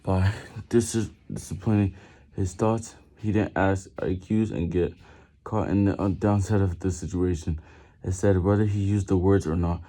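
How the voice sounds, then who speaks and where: A vlogger reads a book aloud on camera while doing push-ups, stumbling over and repeating words from the physical effort. His voice is deep, warm and steady, at a normal speed.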